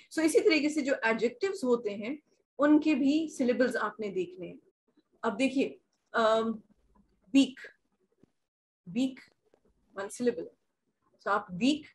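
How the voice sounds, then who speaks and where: A woman teaching grammar in an online class, patiently repeating examples and asking if things are clear. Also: on the high side, a little hiss or hum, low-quality recording. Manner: patient, repeats examples slowly, asks checking questions. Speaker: English teacher. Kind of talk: online class, bilingual explanation.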